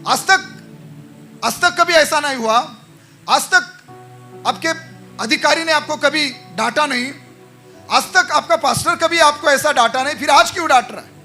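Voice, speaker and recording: A man's voice: extremely high pitch, moderate pace, pauses often, bright, forceful tone, soft background music. A man preaching a sermon as pastor, exhorting the congregation with repeated rhetorical questions.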